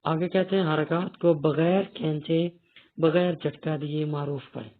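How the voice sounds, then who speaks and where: A man's voice: on the high side, steady tone. A male teacher giving a step-by-step beginner reading lesson, patiently explaining and repeating key points. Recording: tinny phone-like audio.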